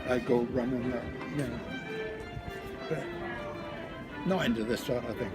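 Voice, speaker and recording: An older man with a Scottish accent chatting casually, often pausing and searching for his words. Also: medium pitch. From Scotland. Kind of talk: casual chat. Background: loud music and crowd.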